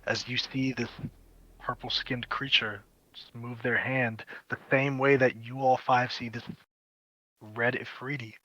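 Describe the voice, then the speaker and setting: A man's voice: mid-range voice, steady tone, measured pace, bright, forceful tone. A man narrating a tabletop game as dungeon master and voicing its figures in a grand, courtly way. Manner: plays the king in a grand, courtly way. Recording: dull lo-fi audio with faint music.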